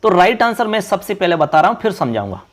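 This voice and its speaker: A man giving an online exam-prep lesson, quizzing viewers and slowly repeating key terms. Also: high voice, very animated. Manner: addresses viewers as friends, quizzes them. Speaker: teacher.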